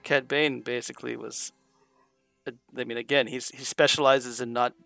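Podcast host, man, gravelly voice, rambling casual chat with lots of restarts. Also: mid-range voice, flat delivery, normal speed, sharp tone, faint music behind. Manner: rambling, self-interrupting.

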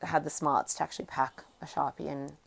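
Low, gravelly woman in a casual chat. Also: little pitch movement, fairly quick. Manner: chatty, interjecting, swearing. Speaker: podcast co-host.

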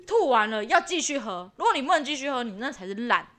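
A young woman with a Taiwanese Mandarin accent chats on a podcast in a high, bouncy voice that swoops widely. She laughs often and acts out the voices of the people she quotes. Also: big pitch swings, fast, a bit bright. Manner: laughs often while telling stories, mimics quoted voices animatedly. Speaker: podcast co-host. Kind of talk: casual chat.

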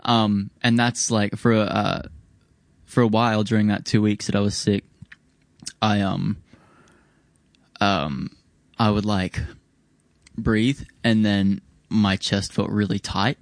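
Casual young male guest, broad Kiwi accent, lowish voice, close dry sound, rambling and slangy. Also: flat delivery, takes it slowly, dry recording. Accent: broad New Zealand. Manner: laid-back, slangy, rambling. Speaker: musician guest on a music show. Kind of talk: casual chat.

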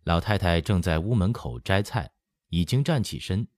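Male narrator, very low voice, animated intonation, dry close recording. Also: normal speed, dry recording. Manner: expressive storytelling, acts out quoted lines. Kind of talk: audiobook narration of a historical novel. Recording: dry close studio sound.

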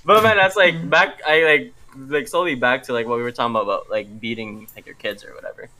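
A man's voice: mid-range voice, fast, bright, forceful tone, poor audio. A young adult man chatting casually in street slang, full of bro, man and swearing. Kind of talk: casual chat.

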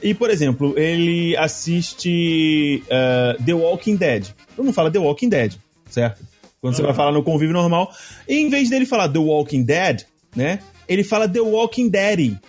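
A man's voice: fairly high pitch, lively intonation, moderate pace, a little mellow, faint music behind. A Brazilian Portuguese-speaking man co-hosting a podcast in casual chat, rambling with lots of fillers. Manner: rambling storyteller, frequent fillers. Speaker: podcast co-host.

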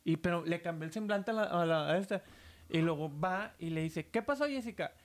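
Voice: mid-range voice, a little fast. Slangy Mexican storyteller. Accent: Mexican Spanish. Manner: slangy, animated, acts out quoted voices. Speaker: storyteller on a chat show. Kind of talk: casual chat, telling a scary story.

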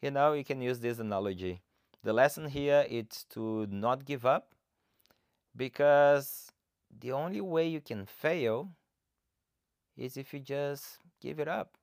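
In this solo episode, the Brazilian fat loss coach addresses his audience with sincere encouragement and motivation, his Brazilian Portuguese accent clear. He speaks in a mid-range voice at a measured pace, and the studio sound is clean with no echo.

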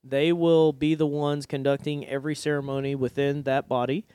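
A man's voice: mid-range voice, flat delivery, normal speed, mellow, clean tone, no echo. A man in his thirties hosting a casual faith podcast from a basement studio, laughing often and explaining at length. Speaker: podcast host.

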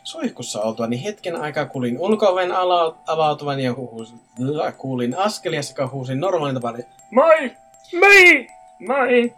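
A man's voice: a little high, expressive, hardly any pauses, faint music behind. A man reading listener ghost stories aloud in a casual podcast chat, stumbling over words now and then.

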